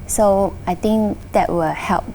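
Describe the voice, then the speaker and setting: A woman's voice: medium pitch, steady tone, takes it slowly, mellow, a little hiss or hum, rough recording. A woman with a Singaporean accent talking casually and earnestly on a panel, explaining things at length. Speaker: guest sharing personal experience.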